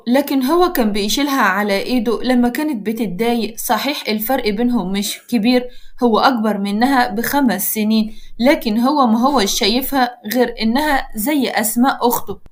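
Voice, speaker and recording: A woman with an Egyptian accent narrating a spoken story in a calm, even way. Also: on the high side.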